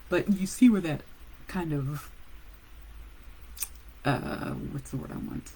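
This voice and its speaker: A woman who works as a nurse, casually telling a personal story with animated pauses and laughs. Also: sits low, slight background noise, rough recording.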